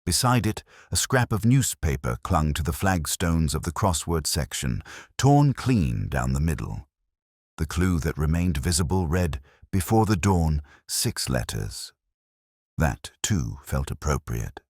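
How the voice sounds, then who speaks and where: A man playing a weary, erudite middle-aged police inspector, narrating a radio drama in a measured, literary, wryly melancholic way. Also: extremely low pitch, very animated, a little mellow, no room sound, clean studio sound, heavily acted. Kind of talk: scripted first-person radio drama narration.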